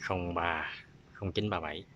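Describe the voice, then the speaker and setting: Bright-voiced southern Vietnamese man, fairly low. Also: fairly even intonation, unhurried, slight background noise. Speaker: prank-call video host. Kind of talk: casual vlog chat.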